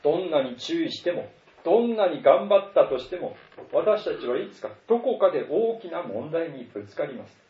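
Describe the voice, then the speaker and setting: A man preaching a sermon with an earnest, animated delivery and a lively pitch that rises and falls. His voice is mellow and dark. It comes from some distance off, in a roomy church hall with a slightly dull sound. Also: normal speed. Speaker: pastor.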